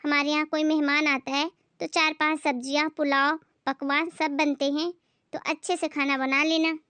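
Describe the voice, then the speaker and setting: A woman's voice: high voice, little pitch movement, normal speed, bright, forceful tone, no room sound. A woman voicing a bossy, haughty middle-aged mother-in-law who scolds and talks down, in a moral story drama. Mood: scolding. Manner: scolding, condescending. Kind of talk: Hindi moral story voice acting.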